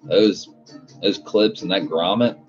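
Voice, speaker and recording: A man's voice: deep voice, takes it slowly. A man talking like a frat bro, full of "dude" and swearing, chatting casually on a livestream as he hosts and answers viewers. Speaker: car livestream host. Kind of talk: casual livestream chat, reading out viewer comments. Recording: muffled audio with loud music behind. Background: loud music.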